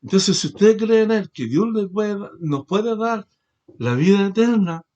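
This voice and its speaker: A man preaching a sermon as pastor, asking rhetorical questions and swinging between loud emphasis and quiet, low passages. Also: lively intonation, unhurried, highs cut off. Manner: preaching with rhetorical questions, rising and falling in force.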